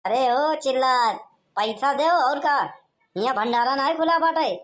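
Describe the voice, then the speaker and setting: Woman voicing a gruff Awadhi shop owner. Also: sits high, measured pace. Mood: scolding. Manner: scolding, demanding. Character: bossy male samosa shop owner, gruff. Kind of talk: cartoon voice acting.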